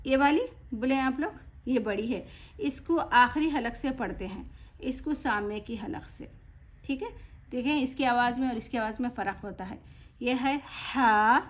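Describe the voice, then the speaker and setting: A woman teaching Quran reading, slowly drawing out each letter name and then explaining softly and quickly in between. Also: fairly high pitch. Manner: slow, drawn-out letter names, then quick soft explanations. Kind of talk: online lesson, letter-by-letter drilling. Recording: dull lo-fi audio.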